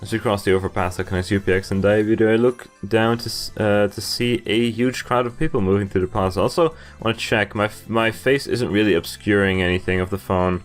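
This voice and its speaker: Wearing a headset at his computer indoors, a young man casually reads a visual novel aloud and comments along, with game music behind him. His voice is on the low side and a little fast, with hardly any pauses.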